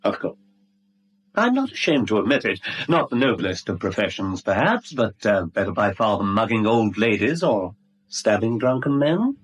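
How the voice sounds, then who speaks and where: In a 1970s radio play, a smug, genial, middle-aged male blackmailer teases his victim with mock courtesy, suave and wordy. His lowish, slightly husky voice swoops with relish in a sing-song way at a moderate, leisurely pace. The recording is rough.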